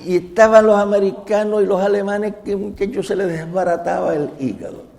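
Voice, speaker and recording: A visiting professor delivers a doctrinal lecture to a live audience in a high, steady, brisk voice that is gravelly and a little mellow. He makes his points through humorous personal stories, acting out both sides of remembered conversations.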